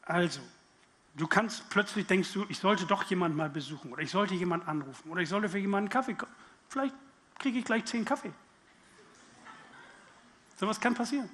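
A man's voice: high voice, lively intonation, a little fast, pauses often, a bit bright. A man preaching a sermon, speaking directly to his listeners with questions and acting out inner voices. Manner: acts out inner voices in quotes.

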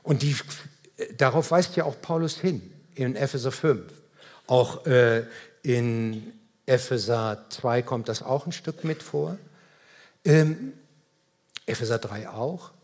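Slow, emphatic male preacher. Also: medium pitch, darkish tone. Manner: earnest, emphatic with repeated phrases; addresses the congregation directly. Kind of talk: sermon. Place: church service.

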